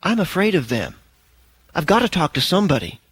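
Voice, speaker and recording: Man doing a frail frightened little girl, hushed, slow careful words, slightly higher pitch. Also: huge pitch swings, breathy edge, dry recording, full character voice. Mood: fearful. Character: frightened, frail nine-year-old girl caller.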